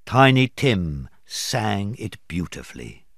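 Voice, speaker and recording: A man, an English teacher, reading a storybook aloud slowly and expressively for learners. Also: on the low side, big pitch swings, dry recording, clean studio sound.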